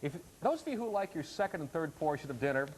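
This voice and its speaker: A man presenting products as a home shopping host, chatting through a live sales pitch in a conversational way. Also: very animated, quick pace, slight background noise, poor audio. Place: TV studio demonstration set.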